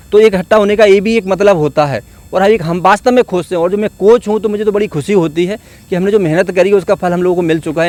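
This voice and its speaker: A man's voice: high voice, darkish tone. A man coaching at a police exam academy speaks. His tone is earnest and encouraging as he praises his students, like a teacher rallying his class outdoors. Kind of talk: motivational talk with students.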